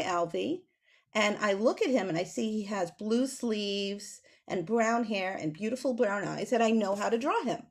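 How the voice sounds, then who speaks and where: Over a computer mic on a video call, a middle-aged children's author and illustrator with a high voice and some vocal fry teaches kids to draw. She's lively, keeping explanations simple and leaning on emphatic words. Behind her is a small home room with bookshelves.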